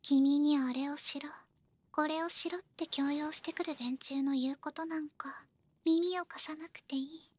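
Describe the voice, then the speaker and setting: A young woman voicing a possessive, coddling female wizard in ASMR role-play, coaxing with soft menace. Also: extremely high pitch, fairly even intonation, moderate pace, no room sound. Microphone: close, dry studio microphone.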